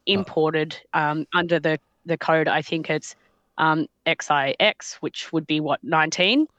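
Woman on a choppy glitching call line, keeps cutting out, halting restarts, dry close sound. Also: low voice, fairly even intonation, fairly bright tone, no echo, muffled recording. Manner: halting, many restarts and fillers. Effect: glitching, dropping-out call audio. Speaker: researcher guest. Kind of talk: remote interview. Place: outdoors.

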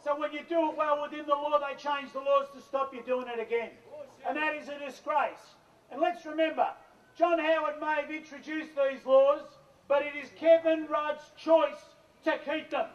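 A man's voice: very high-pitched, fairly even intonation, normal speed. An Australian man, a union leader, delivering a fiery, impassioned rally speech at a protest, heard as a played-back archive recording. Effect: played-back archive recording with a dull, lo-fi sound. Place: outdoor protest. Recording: dull lo-fi archive recording, distant from the mic.

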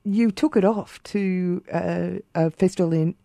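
Radio host, mellow voice, mid pitch, eager, short interjections, dry studio. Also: a little slow, dry recording.

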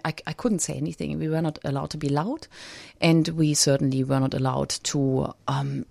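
A woman's voice: deep voice, vocal fry, a little mellow, dry recording. A woman from Germany, a radio studio guest, telling her personal story hesitantly with many fillers and restarts. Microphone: studio microphone.

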